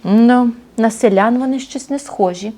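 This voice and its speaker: A woman voicing an old creaky windmill in a children's storybook, grumbling and bursting into indignant threats. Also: moderate pace, mellow, natural voice. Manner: booming, indignant outbursts. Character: old creaky windmill, grumpy then furious.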